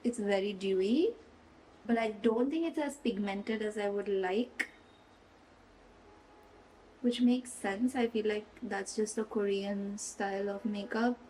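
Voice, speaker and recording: A young beauty vlogger chats casually and giggles as she does her makeup in a get-ready-with-me video, slipping a playful fake British accent into her own, while rain and traffic sound outside. Her voice is mid-range and darkish, picked up by a distant mic on poor audio.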